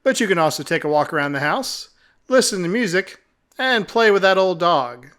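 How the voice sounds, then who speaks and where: Snarky talking cat in a game, high and lively, sneers at you, guy doing the voice. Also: normal speed. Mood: mocking. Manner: condescending, mocking.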